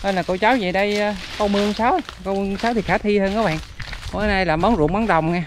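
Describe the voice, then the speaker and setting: A man's voice: high-pitched, steady tone, rapid-fire, background noise. A man with a Southern Vietnamese accent, chatting casually to viewers in a rural fishing vlog, talking outdoors by a canal. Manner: chatty, laughing, addresses viewers. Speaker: vlogger.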